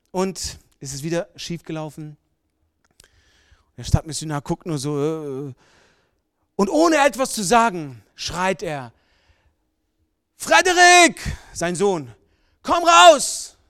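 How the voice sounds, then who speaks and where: A man's voice: fairly high pitch, clear, resonant tone, no room sound, clean studio sound. A man preaching a sermon with emphatic, colloquial storytelling.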